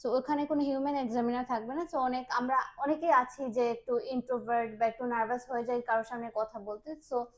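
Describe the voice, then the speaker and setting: A woman's voice: fairly high pitch, steady tone, fairly quick, hardly any pauses, darkish tone. A woman, a business development manager, explaining a test's format in an interview. She speaks mixed with English phrases, with many "ah" fillers.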